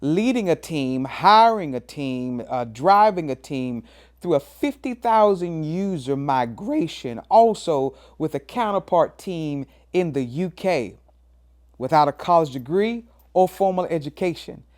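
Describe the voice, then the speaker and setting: A fifty-year-old pastor hosts his own motivational talk, emphatic and preacherly, often saying "man." His darkish voice is expressive at a measured pace, swinging up and down in pitch for emphasis.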